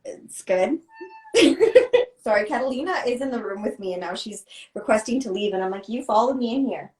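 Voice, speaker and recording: A woman's voice: a little high, expressive, normal speed. A woman co-hosting a live video chat, chatty and laughing, her voice muffled and echoey as if heard through a wall. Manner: chatty, laughs often, self-deprecating. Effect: muffled, echoey sound, as if through a wall. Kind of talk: casual chat. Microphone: device mic on a video call.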